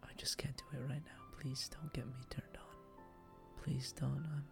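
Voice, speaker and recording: A man whispering softly in an intimate, affectionate boyfriend roleplay for ASMR. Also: medium pitch, flat delivery, unhurried, gravelly, music in the background.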